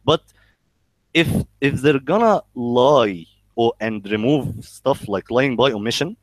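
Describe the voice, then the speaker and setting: A man with an Egyptian accent chats casually and bluntly, swearing and joking while he stammers, repeating the starts of his words in a halting way. His medium-pitched voice is expressive, and the recording is dry and rough.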